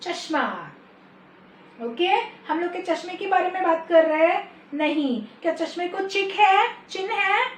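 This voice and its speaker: A woman with an Indian English accent teaching a nursery poem, slow and sing-song, mixing Hindi and English. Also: very high voice. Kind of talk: online nursery-class lesson. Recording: echoey room, voice off-mic, faint hiss.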